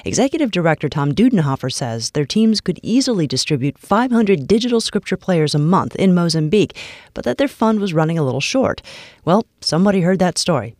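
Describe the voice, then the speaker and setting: A woman's voice: on the low side, darkish tone, no room sound, studio quality. An American woman anchoring a radio news program, reading a script in narration style. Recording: music bed under voice. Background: background music.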